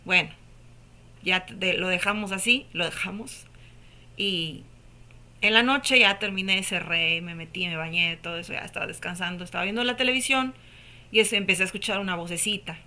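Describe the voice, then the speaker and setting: Bright-voiced woman giving a hushed testimony. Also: fairly low pitch, moderate pace. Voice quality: emotional, hushed storytelling with drops to a whisper. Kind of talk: personal religious testimony.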